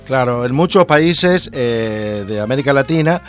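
A man's voice: medium pitch, animated, unhurried, fairly bright tone, soft background music. A man from Argentina with an Argentine accent, hosting a radio talk show and speaking hesitantly with many fillers. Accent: Argentine Spanish.

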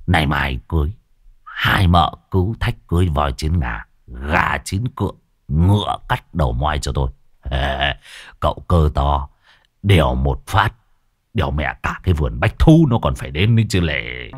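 A man's voice: a bass voice, lively intonation, unhurried, voice pushed down, heavily acted. A man voicing a scheming, boastful old man who sweet-talks and brags. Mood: sly. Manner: sly, wheedling, bragging.

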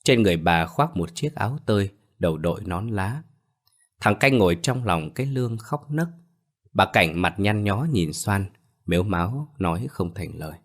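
Deep low male storyteller, steady scripted read. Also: normal speed. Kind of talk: scripted narration of a ghost story.

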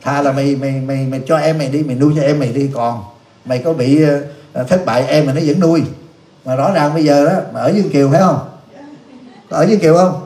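A Buddhist monk gives a blunt, scolding dharma talk in a youth center hall, fielding questions from the audience and teasing them with laughs. His voice is fairly high, steady and warm, and he speaks fast in the echoey hall.

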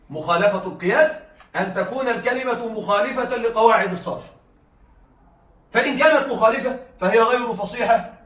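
A man's voice: high voice, fairly bright tone. A male teacher giving a classroom lecture, explaining step by step and often checking that his students follow. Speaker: teacher of Arabic rhetoric. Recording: echoey room, voice from far off.

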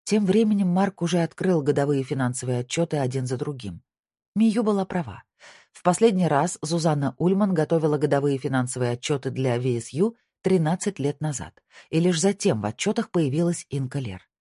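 Low, mellow woman reading an audiobook. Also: animated, fairly quick, husky, dry recording, clean studio sound. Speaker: audiobook narrator. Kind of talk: scripted audiobook narration.

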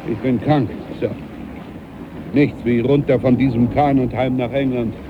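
A man plays a proud, sullen doctor aboard ship in a radio drama. His manner is curt and grudgingly polite, at an average pitch for a man. The recording is dull, with clear noise behind him. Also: fairly even intonation, measured pace, lightly acted. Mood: bitter, weary. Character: bitter, proud ship's doctor, sullen, older colleague. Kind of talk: German radio drama acting. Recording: muffled, clearly noisy shipboard scene.

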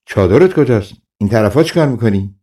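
A man voicing a proud, quick-tempered ruler in a folk tale audiobook, speaking haughtily and irritably. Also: lowish voice, expressive, warm tone, close to an everyday voice. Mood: haughty.

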